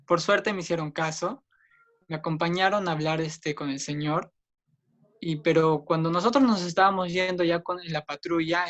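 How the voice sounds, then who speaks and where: A young man with a Peruvian accent telling his own story in an interview, earnest, raising his voice when he acts out what others said. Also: a bit bright. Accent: Peruvian Spanish. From Peru. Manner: earnest, acts out others' lines with raised pitch.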